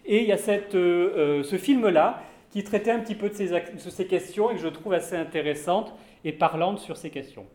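A man's voice: sits high, brisk, a little mellow, echoey room. A man giving an academic conference talk on accents, thoughtful and hedging, with many fillers and restarts. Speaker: lecturer on accents.

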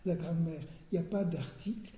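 An older man giving an academic lecture, hesitant, repeating words and often clearing his throat. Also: on the high side, normal speed, mellow. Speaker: lecturer on Persian poetry. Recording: roomy hall sound.

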